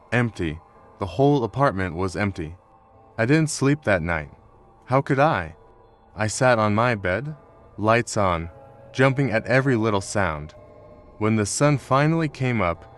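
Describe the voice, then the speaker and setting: Male horror narrator, low voice, tense and fearful first-person reading.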